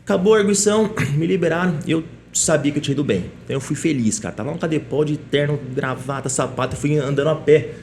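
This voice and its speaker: Fast-talking man telling a story. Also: a little high, creaky, slight background noise. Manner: lively anecdotal telling, frequent tag questions. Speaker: police chief, podcast guest. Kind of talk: casual interview storytelling.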